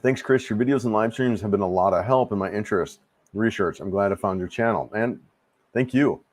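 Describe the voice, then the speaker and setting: A man in his fifties runs a relaxed live stream from a room at home, answering chat in a friendly, easygoing way. His voice is lowish and a little quick, and he rambles and restarts his sentences.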